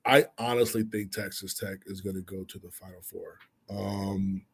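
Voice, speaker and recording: A man talking as a guest on a sports podcast, excitable and casual, repeating phrases for emphasis. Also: sits low, normal speed, creaky, husky.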